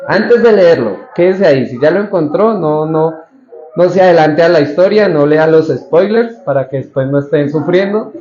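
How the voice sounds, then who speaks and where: A pastor gives a conversational sermon in a church hall, asking the congregation questions and acting out Bible figures' lines in quoted voices. His voice is a little high, animated and warm, at a normal speed. The recording sounds roomy and slightly dull.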